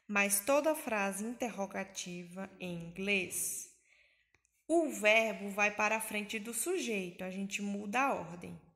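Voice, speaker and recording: A woman's voice: medium pitch, fairly bright tone. A woman from Brazil with a Bahia accent, teaching an English grammar lesson in Portuguese, patiently repeating and translating each example.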